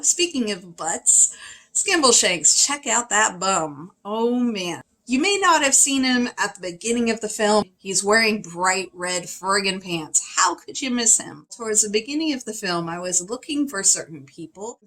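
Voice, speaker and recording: A woman reviewing a film in a casual, opinionated way, chatty and animated, with sudden high exclamations. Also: rough recording. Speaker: video reviewer.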